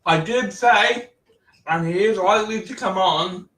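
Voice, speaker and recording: Slow-talking man hosting a chat. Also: sits high. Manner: chatty, laughs often, relaxed. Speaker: podcast host. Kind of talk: casual wrestling chat. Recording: roomy echo, distant mic.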